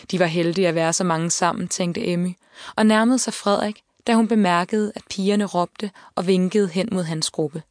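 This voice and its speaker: A woman reading an audiobook, with calm, measured storytelling. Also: lowish voice, dry recording. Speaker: audiobook narrator. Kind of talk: scripted narration. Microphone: close studio mic. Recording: dry studio reading.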